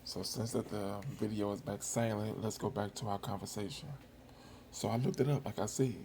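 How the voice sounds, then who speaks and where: A video host chats casually to viewers over old footage, musing aloud and repeating himself for emphasis. His lowish voice holds a steady tone at a moderate pace against a noisy background.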